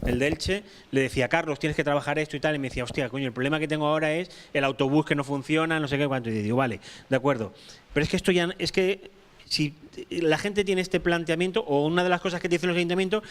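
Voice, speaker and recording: A man's voice: fairly high pitch, fast talker. Emphatic man at a panel. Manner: emphatic, repeats points, many restarts. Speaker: panel speaker. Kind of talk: round-table talk.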